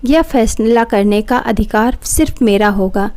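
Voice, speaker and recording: A woman's voice: a little high, unhurried, a little mellow, natural voice. A woman voicing a proud, angry young wife who talks sharply and defiantly.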